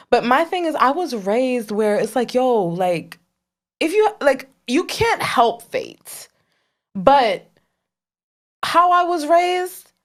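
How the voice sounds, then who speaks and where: A woman in her thirties co-hosting a casual podcast chat, telling stories and acting out the voices she quotes. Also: a little high. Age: 30s. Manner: animated storyteller, acts out quoted voices. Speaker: podcast co-host.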